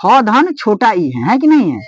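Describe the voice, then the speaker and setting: A teacher with a Bihari accent delivers a recorded Hindi grammar lesson step by step, his mid-range voice swinging hugely in pitch. Patient, drawn-out, and repetitive, he keeps asking whether students follow. The lo-fi recording sounds dull and dry.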